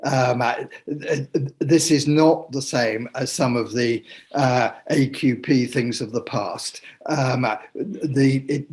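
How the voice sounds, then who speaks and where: A man adding a point on a remote panel, hesitant with stumbling starts and fillers. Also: medium pitch. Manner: hesitant, stumbling, then firm. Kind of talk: panel debate remark. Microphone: video call.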